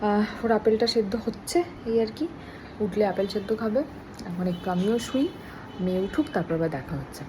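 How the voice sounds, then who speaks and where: A woman's voice: a little fast, noisy background. A young woman, chatting casually to camera in a home vlog. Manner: chatty, switches into high sing-song baby talk with her daughter. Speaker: vlogger.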